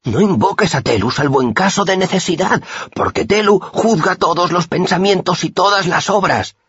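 A man's voice: high voice, lively intonation, normal speed, fairly bright tone, breathy edge, no room sound, dull audio, pitched above the performer's own voice, full character voice. A man voicing a pious, fearful street boy who gives reverent, solemn warnings.

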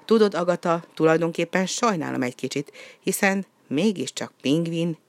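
A reader doing a gentle, sensible penguin. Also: medium pitch, animated, lightly acted. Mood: earnest, mild. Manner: mild, careful and earnest.

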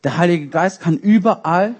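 A young male youth leader preaching with a voice pitched a little above the usual for a man. He tells stories and speaks straight to the congregation in a lively way. His sermon keeps the easy, chatty feel of a personal anecdote. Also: moderate pace. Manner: lively storytelling, acts out dialogue, addresses congregation directly. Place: church service.

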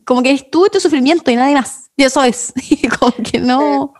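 A young Chilean woman chats casually with friends in heavy slang, slipping in bits of English. Her voice is notably high. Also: a little fast, darkish tone. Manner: slangy, mixes in English phrases. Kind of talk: casual chat.

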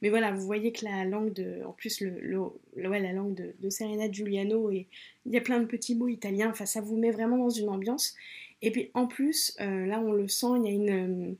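Husky-voiced woman chatting about books. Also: medium pitch, steady tone, a little fast, a little mellow. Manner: hesitant, many fillers and restarts. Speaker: podcast host reviewing books. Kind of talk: casual chat.

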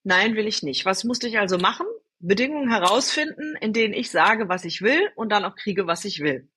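A woman guest in a podcast interview, telling personal stories in a lively way, answering her own rhetorical questions and speaking straight to the listener. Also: mid-range voice, a little fast, a little hiss or hum. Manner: addresses the listener directly. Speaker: storytelling guest.

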